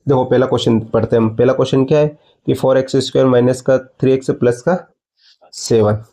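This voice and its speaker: A man's voice: mid-range voice, steady tone, quick pace, dark tone. A man teaching a maths lesson, explaining step by step and asking his students questions before answering them himself. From India.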